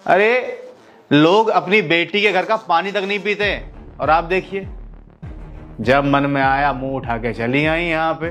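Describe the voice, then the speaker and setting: A man's voice: a little high, measured pace, soft background music. A man playing a taunting angry husband. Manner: taunting, shouting. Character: angry defiant husband, rude to mother-in-law.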